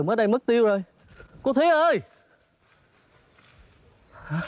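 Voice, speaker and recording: A man's voice: high-pitched, darkish tone, highs cut off, slight background noise, lightly acted. A man playing a kindly, fussy photographer in reformed opera, coaxing and scolding a baby monkey. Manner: coaxing, scolding, exclaims often. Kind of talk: reformed opera spoken dialogue.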